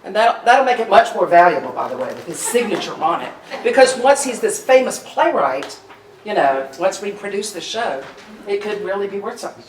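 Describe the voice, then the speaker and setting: Before a live audience at an indoor arts venue, a woman gives a chatty, informal pre-show welcome to introduce a staged reading, tossing in joking asides. Her medium-pitched voice is very animated and brisk. The recording is roomy and distant, with audience noise.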